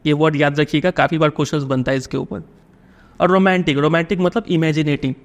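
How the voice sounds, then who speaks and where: A young man teaching a lesson, reading English lines slowly and explaining them in Hindi, often checking with "ठीक है?". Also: on the high side, steady tone. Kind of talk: line-by-line text explanation.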